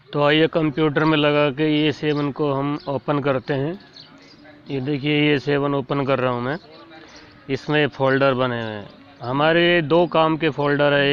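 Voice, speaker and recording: A man calmly explaining, step by step, how to load files onto a keyboard, talking while he demonstrates. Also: mid-range voice. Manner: plain, instructive, talks while demonstrating. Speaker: keyboard tutorial host. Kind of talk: casual step-by-step tutorial. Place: indoors at a computer and keyboard. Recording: dull lo-fi sound with faint noise.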